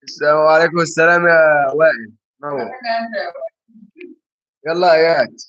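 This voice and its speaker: A man's voice: fairly high pitch, steady tone, moderate pace, a bit bright. Teasing Egyptian man on a lo-fi stream. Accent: Egyptian Arabic. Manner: playful, teasing viewers over a riddle. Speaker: livestream host. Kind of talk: casual livestream chat reading viewer comments.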